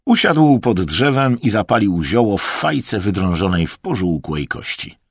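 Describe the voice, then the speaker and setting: Male narrator, low husky voice, wide swooping intonation, dry close sound. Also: unhurried, no room sound. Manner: highly expressive, dramatic reading. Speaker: audiobook narrator. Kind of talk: scripted audiobook narration.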